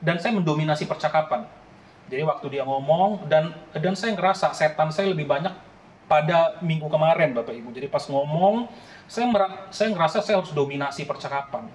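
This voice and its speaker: A man's voice: fairly high pitch, fairly quick, reverberant, low-quality recording. A man in his late thirties preaching a sermon in an earnest, conversational way, often addressing the congregation directly. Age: late 30s. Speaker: pastor.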